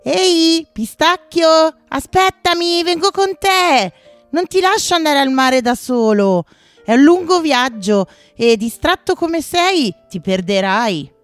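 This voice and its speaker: Woman playing a squeaky, fussy skunk girl, high swooping voice, storybook, faint music. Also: very animated, a little slow, no room sound. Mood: eager. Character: sleepy, fretful female skunk friend. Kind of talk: children's storybook reading.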